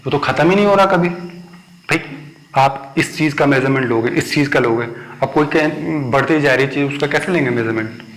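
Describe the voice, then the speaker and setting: In an echoey classroom, a male maths teacher stands at a board and teaches children, his mid-pitched voice a bit bright and his pace moderate. Patient and repetitive, he frequently stops to ask the class whether the point is clear.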